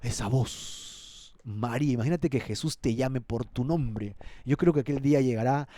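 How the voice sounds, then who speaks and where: A male pastor preaches an expository sermon, dramatizing the scripture by acting out the characters' voices and making earnest appeals to his listeners. His voice is medium-pitched and dark, at normal speed, with no echo.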